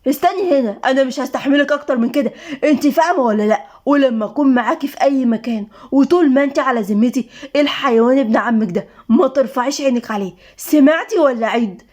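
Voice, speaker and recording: A woman's voice: high voice, fast, a little mellow. A woman with an Egyptian accent voicing a jealous, hot-tempered young husband in a storybook reading, speaking angrily. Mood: angry. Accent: Egyptian Arabic. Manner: angry, demanding.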